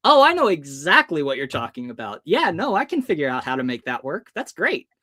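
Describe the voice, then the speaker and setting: An early-thirties American man on a podcast tells personal stories in an animated way, dramatizing dialogue expressively as he goes. He speaks fairly quickly, with a fairly high, sharp-toned voice whose pitch swoops wildly.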